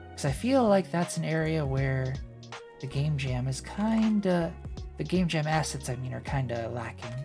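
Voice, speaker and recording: Low-voiced chatty woman streamer. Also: darkish tone. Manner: chatty, rambling, thinks aloud with fillers. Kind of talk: casual live-stream chat. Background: faint background music.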